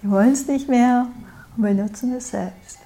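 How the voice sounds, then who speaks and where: A woman's voice: a little high, mellow, slight background noise. A woman meditation teacher giving a dharma talk, speaking reflectively and often checking in with "ja?". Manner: slow, reflective, with frequent "ja?".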